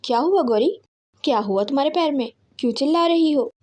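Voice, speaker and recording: Cartoon songbird, female, kind and trusting, fretful, high-pitched , done by a woman storyteller. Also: expressive, a little fast, darkish tone. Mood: caring. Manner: caring, fretful.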